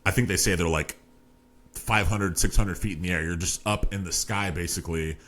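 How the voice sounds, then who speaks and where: A man's voice: deep voice, steady tone, a little fast, a bit bright. A man talks through a book on a casual podcast. He rambles, circles back and fills gaps with "like" and "you know" as he retells the story. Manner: rambling, lots of fillers and restarts. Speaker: podcast host.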